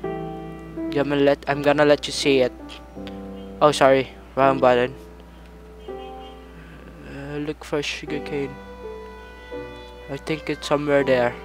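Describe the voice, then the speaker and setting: A man casually commenting on his own gameplay, rambling along and breaking into sudden excited outbursts. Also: medium pitch, takes it slowly, long pauses, over music. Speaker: gaming channel host.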